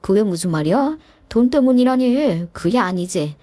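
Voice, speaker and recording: A woman's voice: mid-range voice, lively intonation, dark tone, dry recording, clean studio sound, lightly acted. A woman voicing a young husband who anxiously denies and pleads, in a dramatized story reading. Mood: pleading. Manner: hurried pleading denials.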